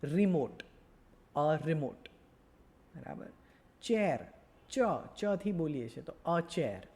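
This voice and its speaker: Teaching beginner grammar, this Gujarati-accented English teacher goes slowly and patiently, saying words more than once and making sure the class follows. His slightly high voice is expressive and darkish in tone.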